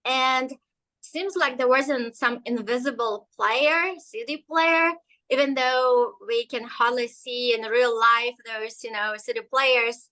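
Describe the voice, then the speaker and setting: This energy healer, a native Russian speaker appearing as a guest, recounts her experiences casually with many hesitations and fillers. Her fairly high voice is steady, slow, bright and forceful, though the audio quality is poor.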